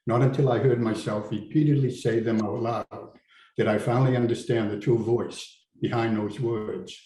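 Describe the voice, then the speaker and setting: A man reading his personal essay aloud at a public event, earnest and deliberate. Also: medium pitch, steady tone, warm tone. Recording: roomy venue with faint ambience.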